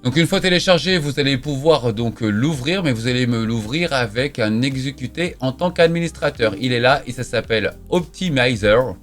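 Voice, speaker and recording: A man's voice: mid-range voice, animated, moderate pace, hardly any pauses, soft background music. A man giving a casual screen-recorded tech tutorial, chatty and emphatic, with frequent filler words like "voilà" and "donc". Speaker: tech youtuber.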